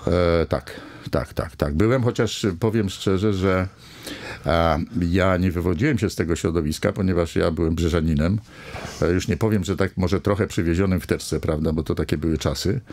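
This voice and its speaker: An older man speaks as a studio guest on a radio interview. His voice sits low and carries a gravelly fry, and he talks in a rambling way, pausing often with fillers. The sound comes close through a desk microphone. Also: darkish tone. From Poland. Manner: rambling with many hesitations and fillers. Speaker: village mayor, guest.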